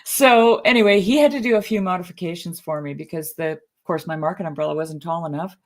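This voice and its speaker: A woman's voice: on the low side, fast talker. A woman, co-hosting a podcast and telling a rambling personal story in casual chat, restarting often. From Canada. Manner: chatty storyteller with frequent restarts and laughs. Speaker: podcast co-host.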